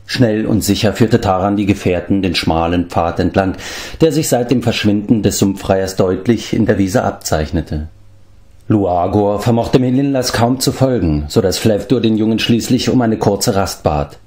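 A man narrating a fantasy novel chapter as an audiobook in an expressive, measured storytelling voice. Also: fairly low pitch.

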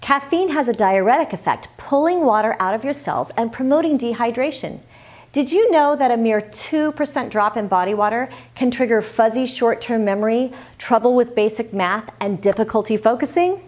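A woman's voice: a little high, moderate pace, darkish tone. A woman hosting a health tips video, speaking to camera in an emphatic, scripted style full of rhetorical questions.

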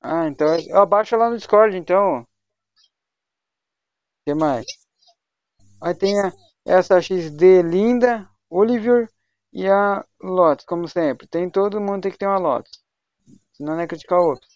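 A young gaming livestreamer chats slangily with voice chat as he plays, his high voice at normal speed broken by long pauses. There's no echo, though his home stream mic is dull and lo-fi.

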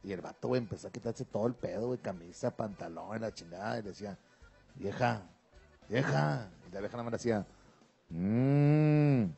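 Gravelly man telling crude jokes. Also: on the low side, racing, hardly any pauses, mellow, soft background music. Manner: slangy, peppers speech with güey and compadre. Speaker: radio comedy host.

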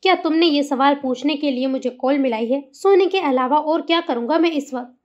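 A woman's voice: high voice, brisk, darkish tone, dull audio, close to an everyday voice. A woman voicing a stern young husband who talks in a curt, cold, controlled way.

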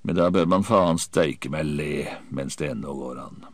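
Male audiobook narrator, deep voice, dramatic first-person reading, dry close sound. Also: no echo.

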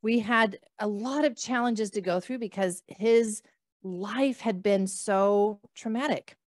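She is a physician in her thirties, from the US north by the Canadian border, telling her story slowly and with lots of fillers on a video call. Her mid-range voice, picked up by a podcast mic in a small home room, sounds clean and studio-like, without room sound.

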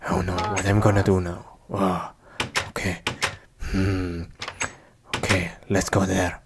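A man's voice: sits low, little pitch movement, a little slow, vocal fry. A man playing a hungry, scheming big bad wolf in a comedy skit, in his own mock-menacing voice. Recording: noisy background.

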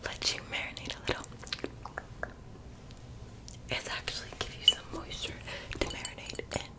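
A woman doing a whispered role-play in a soft, breathy ASMR whisper, with playful, doting personal attention. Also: normal speed. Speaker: ASMR performer.

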